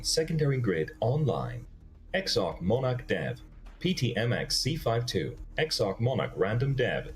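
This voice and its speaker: A stiff, mechanical computer mainframe, put on by a man, reads out its boot sequence and system checks one by one. Its pitch leaps up and down between the readouts, with faint music behind it. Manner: recites system checks like a machine booting up. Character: robotic AI mainframe booting up, formal and mechanical. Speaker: tabletop game player. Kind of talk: in-character roleplay voice.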